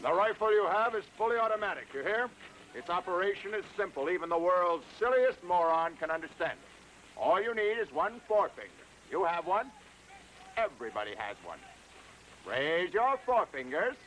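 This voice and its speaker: A bossy army drill sergeant who barks clipped orders at his squad. His voice sits high and swings widely up and down. The tone is bright and sharp, and he drags the words out slowly. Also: lively intonation, slight background noise, low-quality recording. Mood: lecturing. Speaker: drill instructor.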